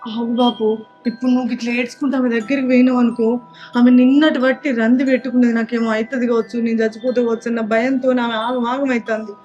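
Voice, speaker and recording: An actress playing a worried village wife who talks urgently and gives instructions, with a Telangana accent. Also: female voice, on the high side, steady tone, very fast, a little mellow, highs cut off, faint music behind, natural voice. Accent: Telangana Telugu. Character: worried young village wife, taking charge.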